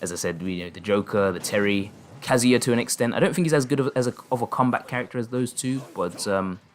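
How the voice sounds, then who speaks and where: A man's voice: quick pace, slight background noise. A man streaming online fighting matches, calling the plays and chatting with viewers, his voice jumping up when a big moment lands. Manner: excitable play-by-play, pitch jumping up on big moments, laughing often. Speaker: streamer and commentator. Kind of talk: live-stream game commentary and chat.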